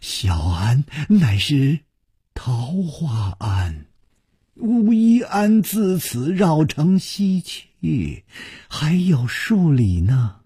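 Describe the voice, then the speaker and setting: A man voicing a puzzled older female nun, speaking slowly in a raised, wavering voice, with a husky tone. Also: on the high side, very animated, dark tone, no room sound, clean studio sound, pitched above the performer's own voice, full character voice. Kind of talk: storytelling performance.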